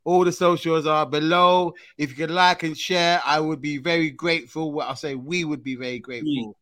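Male host, urban London roadman accent, casual animated banter, sharp bright tone. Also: on the high side, moderate pace, dry recording. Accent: London, urban street style. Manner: slangy, animated. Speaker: football talk show host.

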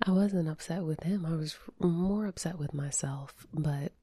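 A woman doing a whispered and soft-spoken ASMR ramble, chatting casually while she eats, close to the mic. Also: low-pitched, unhurried, husky, no room sound. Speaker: ASMR channel host.

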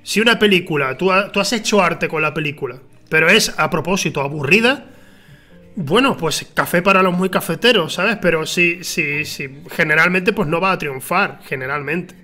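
A man with a Spain Spanish accent hosting a casual film chat, animated and opinionated, laughing often. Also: on the high side, moderate pace, soft background music. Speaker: stream show host.

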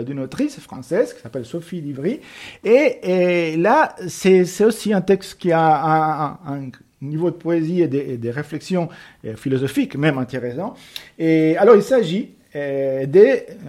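A man presents books as casual recommendations, his voice a little high and a little mellow. He's hesitant and often searches for the right words.

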